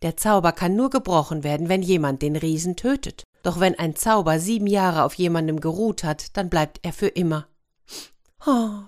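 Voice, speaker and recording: A woman's voice: on the low side, expressive, moderate pace, darkish tone, close to an everyday voice. A woman voicing an anxious, tearful young princess who stammers, in a storybook reading. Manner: stammering, flustered.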